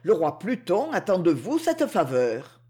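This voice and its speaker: A woman's voice: on the low side, huge pitch swings, measured pace, mellow. A woman voicing a coaxing, boastful underworld king. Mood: stern. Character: underworld king, smooth-talking and possessive. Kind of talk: audiobook character reading.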